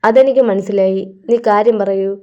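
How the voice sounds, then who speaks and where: A woman voicing a blunt, mocking young male gangster in a storybook crime tale, with a teasing, gruff manner. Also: mid-range voice, moderate pace, mellow, muffled recording, natural voice.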